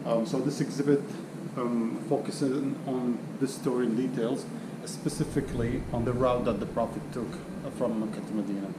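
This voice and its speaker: A man from Saudi Arabia, a curator, explaining an exhibit on a tour in a halting, earnest way with many fillers. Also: medium pitch, steady tone. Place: museum exhibition hall, indoors. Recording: echoey hall with loud hum.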